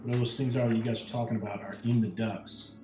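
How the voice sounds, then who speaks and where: Quick-paced and medium-pitched, his voice barely moves in pitch as he speaks for his character in a tabletop game. He reasons aloud casually and with hesitation, with music and roomy echo in the recording.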